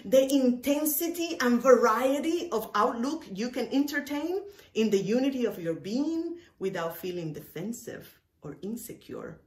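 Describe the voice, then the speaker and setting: Preaching a sermon to camera, a Cuban-born woman minister uses a slightly high voice with emphatic, deliberate phrasing and repetition for weight. She is in an indoor room with bookshelves, and the sound is echoey and roomy.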